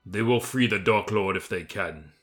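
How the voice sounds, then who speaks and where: A man voicing a grave male guardian in an audio fantasy story, speaking slowly and solemnly. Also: lowish voice, a bit bright, soft background music, close to an everyday voice.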